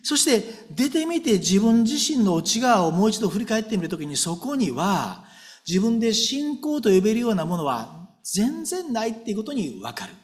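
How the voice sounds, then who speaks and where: A man's voice: high-pitched, moderate pace. A man preaching a sermon in a conversational way, often checking in with his listeners and acting out prayers as he speaks. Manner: conversational preaching with frequent tag questions to the congregation; animated and expressive, acting out prayers aloud. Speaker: pastor.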